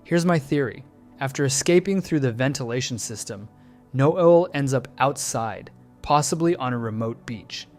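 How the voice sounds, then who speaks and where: A man's voice: mid-range voice, expressive, moderate pace, a little mellow, faint music behind. A man hosting his channel, giving a scripted, analytical video-essay narration that keeps posing questions and answering them. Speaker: channel host breaking down a trailer.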